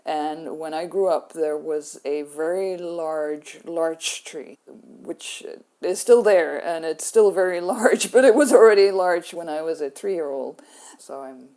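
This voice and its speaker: A woman's voice: low-pitched, slow, warm tone. A woman from Belgium speaking as a radio guest, a little hesitant. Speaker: guest expert. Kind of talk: radio discussion.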